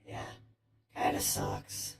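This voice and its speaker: A man live-streaming in casual chat, speaking through a half-robotic cyborg voice filter and rambling as he trails off mid-thought. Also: takes it slowly. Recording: echoey, loud music behind.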